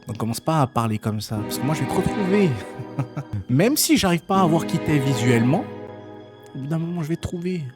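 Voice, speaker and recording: A man's voice: a little high, animated, a little fast, over music. A young man from Switzerland chatting casually on a live stream, teasing his viewers and stammering through restarts.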